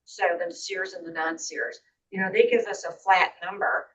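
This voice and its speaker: A woman's voice: mid-range voice, normal speed, a bit bright. A woman speaking in a meeting discussion, thinking aloud in a roundabout way with frequent "you know". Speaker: committee member asking questions. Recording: distant, dull, faintly noisy meeting audio.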